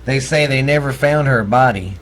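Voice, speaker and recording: Speaking at normal speed in a fairly bright, mid-range voice, a middle-aged man from Texas trades casual ghost-story talk as a podcast co-host. His Texan delivery is blunt, folksy and profane, and a little hiss or hum sits under the audio.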